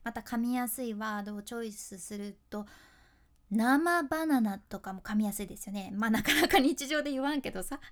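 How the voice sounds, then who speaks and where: A woman's voice: on the high side, brisk. A young woman speaking with a Kyushu dialect, a speaking coach giving a chatty lesson, laughing often and teasing herself. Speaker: speaking coach, freelance announcer. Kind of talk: casual instructional talk.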